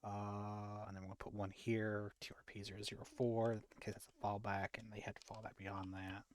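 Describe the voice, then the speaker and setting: A man's voice: lowish voice, level tone, fairly quick, a little hiss or hum. A man in casual military game chatter, muttering to himself as he works through a task. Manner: muttering to himself while working. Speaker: player working out mortar firing solutions.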